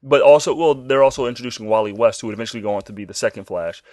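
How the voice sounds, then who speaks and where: A man co-hosting a casual chat, animated and swearing freely. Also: medium pitch, very fast. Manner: animated, swears freely, puts on silly quoted voices. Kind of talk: casual chat about comic book shows.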